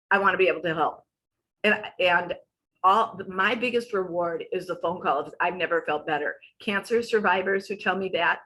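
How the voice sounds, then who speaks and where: A woman's voice: mid-range voice, fairly bright tone, low-quality recording. A woman in her sixties, a wellness coach giving a casual, chatty talk over slides that wanders off on tangents and back. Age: 60s.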